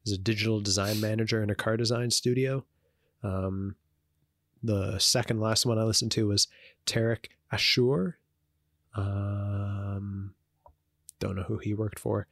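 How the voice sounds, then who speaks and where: A man with a fairly low voice chats casually as a podcast co-host. He rambles, filling gaps with ums and restarting his sentences. The sound is dry and close, with no room echo. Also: fairly bright tone. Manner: rambling, many fillers and restarts.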